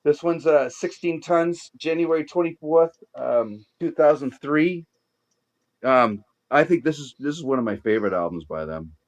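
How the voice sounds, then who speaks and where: This middle-aged Boston-area guest has a fairly high voice with lively intonation and a moderate pace. Chatting casually in his Boston accent, he wanders along with many fillers and restarts.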